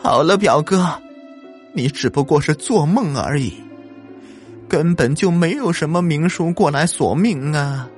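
A man voicing a gentle elderly woman doctor who soothes and lectures softly in an audio story. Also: medium pitch, animated, faint music behind, voice pushed up, natural voice. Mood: soothing. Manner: soft, soothing, drawn-out lecturing.

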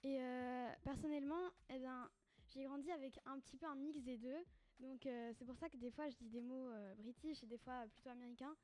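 A woman's voice: sits high, fairly even intonation, a little fast, darkish tone. A young woman talks in a casual class discussion, hesitant and full of fillers.

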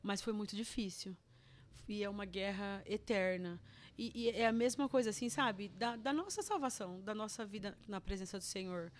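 A woman's voice: mid-range voice, normal speed, a little hiss or hum. A woman with a Brazilian Portuguese accent, a guest telling a personal testimony in earnest, emotional chat with many restarts.

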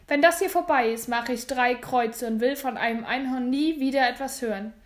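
A woman voicing a stern male police commissioner making loud, official announcements in a storybook reading. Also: high-pitched, moderate pace, close to an everyday voice.

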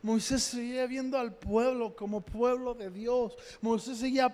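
A man's voice: very high-pitched, steady tone, normal speed, darkish tone. A young man preaching a sermon with a Mexican accent, telling stories in a conversational way, joking and acting out quotes. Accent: Mexican Spanish. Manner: conversational storytelling with humor and acted quotes. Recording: long hall reverb.

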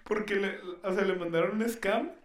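A man's voice: sits high, moderate pace, echoey room. A young Mexican man co-hosting a podcast in casual, slangy chat, often mimicking other people's voices. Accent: Mexican Spanish. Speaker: podcast co-host.

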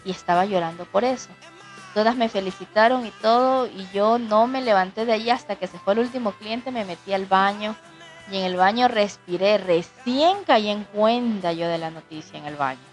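A young woman telling a personal story in a casual chat, animated and acting out other people's voices. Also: medium pitch, moderate pace, faint music behind. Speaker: co-host telling her story.

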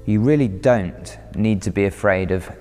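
A man voicing a calm male teacher who speaks steadily and gently questions his followers. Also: fairly low pitch, normal speed, close to an everyday voice. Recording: reverberant hall, faint music.

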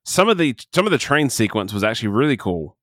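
A man with the hiccups chats casually about a movie he just watched, rambling, cutting himself off, and speaking candidly. His mid-range voice is very animated, fast, and a bit bright, recorded with clean studio sound and no echo.

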